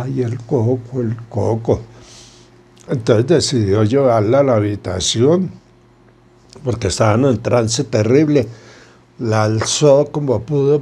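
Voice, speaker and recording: Man, storyteller, dramatic folk tale telling, mellow dark voice, mid pitch. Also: breathy edge. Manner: dramatic, repetitive. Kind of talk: oral folk tale narration.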